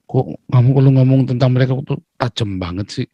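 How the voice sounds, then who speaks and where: Male preacher, lively and joking, dry close sound. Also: mid-range voice, fast, no echo, dull audio. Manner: lively, joking, addresses listeners as brothers and sisters. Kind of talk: sermon.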